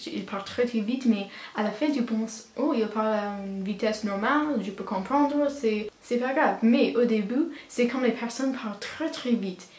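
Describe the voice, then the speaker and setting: A Canadian teen whose first language is English vlogs spontaneously in French, hesitant and hunting for words. She speaks on the high side at a moderate pace with few pauses and a darkish tone, in a roomy-sounding space.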